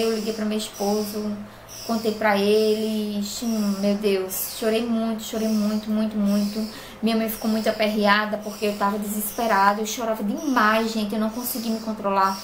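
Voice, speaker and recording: A woman's voice: medium pitch, level tone, normal speed, a little hiss or hum. A young woman from Brazil, plainspoken and emotional as she tells a personal story in a vlog. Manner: earnest, plainspoken, emotional retelling. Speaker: crochet vlogger. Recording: echoey room with faint ambience.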